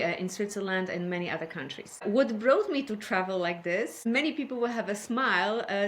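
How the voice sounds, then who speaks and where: Woman guest, measured and careful. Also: medium pitch, fairly bright tone. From Poland. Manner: careful, measured, with many fillers. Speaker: podcast guest, healthcare innovation expert. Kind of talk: casual interview talk.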